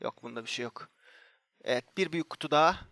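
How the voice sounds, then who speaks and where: A young man, commenting excitedly as he opens loot boxes in a mobile game, repeating himself and bursting into shouts when something good appears. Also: fairly high pitch, quick pace, vocal fry, dry recording. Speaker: gaming YouTuber.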